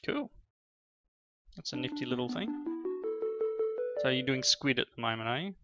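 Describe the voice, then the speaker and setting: A man's voice: mid-range voice, expressive, normal speed, over loud music. A middle-aged man hosting a family game session, chatting casually through his play and praising his children along the way. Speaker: gaming channel host playing with his children. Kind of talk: casual gameplay commentary. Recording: slightly dull lo-fi sound.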